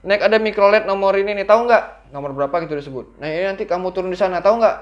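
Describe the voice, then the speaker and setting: A man voicing an older male minibus driver, gruff but kind, calling out in a loud, brisk way inside a family story. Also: high voice, dull audio, voice pushed up, natural voice.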